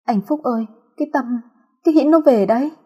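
A panicked young woman shrieks and stammers in a storybook horror tale, her voice pitched high and loud. The tone underneath stays mellow and a little husky, as a woman acts her out. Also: brisk. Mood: terrified. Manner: frantic, stammering pleas.

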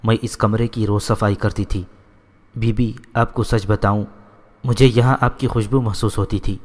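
Guy reading a loyal simple house maid, lowish voice, lots of echo. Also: steady tone, natural voice. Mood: devoted, pleading. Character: devoted simple-hearted female house maid.

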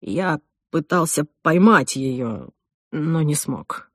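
A woman reading an audiobook voices a shaken young groom, speaking low and haltingly. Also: lively intonation, dry recording, studio quality, full character voice. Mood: guilty. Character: shaken young groom, guilt-ridden and soft-spoken.

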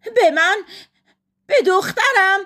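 A woman voicing a furious, defiant young wife and mother in an audiobook story, her voice sharp and high-strung.

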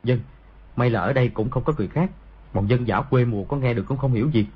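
A man voicing a boastful, arrogant young nobleman in an audiobook, speaking loudly. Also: medium pitch, fast talker, slightly rough, lightly acted. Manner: loud, bragging. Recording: dull lo-fi audio.

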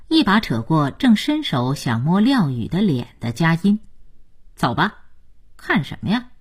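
A woman narrating a serialized novel in an expressive storytelling style. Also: on the low side, slightly rough. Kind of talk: storytelling broadcast.

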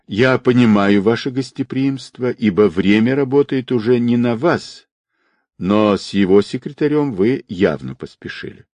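A man voicing a composed, persuasive man who speaks calmly and with quiet confidence. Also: mid-range voice, no echo, voice pushed up, natural voice. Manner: calm, measured, persuasive.

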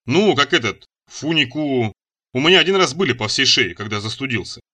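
A man's voice: mid-range voice, expressive, fairly quick, pushed and bright. A man voicing a simple-minded burly male slave, a former miner, who talks in a meek, mumbling, artless way. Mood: timid.

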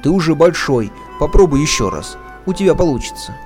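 A man's voice: a little high, very animated, brisk, a little mellow, soft background music, pitched above the performer's own voice. A man voicing an impatient, scolding older sister in a children's story. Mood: irritated. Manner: irritable, scolding.

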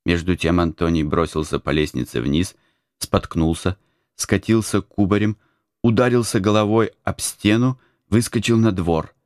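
Low-voiced guy reading an audiobook, dramatic telling, very dry close sound. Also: normal speed, no echo. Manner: dramatic, expressive storytelling. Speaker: audiobook narrator. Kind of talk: scripted narration.

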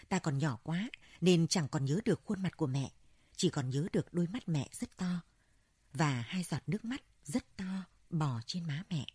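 A woman voicing an old, gentle Buddhist monk. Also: sits low, slightly rough, no room sound. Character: elderly male Buddhist monk, gentle and reflective.

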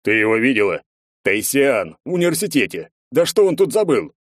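A man's voice: lowish voice, moderate pace, fairly bright tone, dry recording, studio quality, close to an everyday voice. A man playing a blustering half-dwarf. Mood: indignant. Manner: blustering, indignant. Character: burly hot-tempered half-dwarf young man. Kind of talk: audiobook narration.

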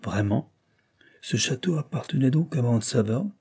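A man reading the part of a smooth, insolent aristocratic captain in a storybook reading, in a suave, mocking manner. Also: mid-range voice, animated, normal speed, dark tone, voice pushed up.

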